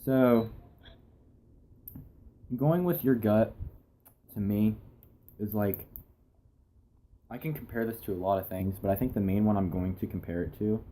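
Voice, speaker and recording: A man's voice: on the low side, unhurried, long pauses, mellow. Rambling young male podcast host. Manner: rambling, restarts a lot, laughs often. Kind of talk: casual chat.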